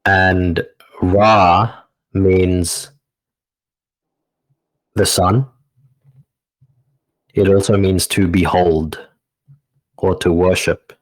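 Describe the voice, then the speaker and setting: Slow, low-voiced New man. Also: fairly even intonation, low-quality recording. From New Zealand. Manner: slow, reflective, pausing often with "uh". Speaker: meditation teacher. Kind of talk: unscripted interview answers.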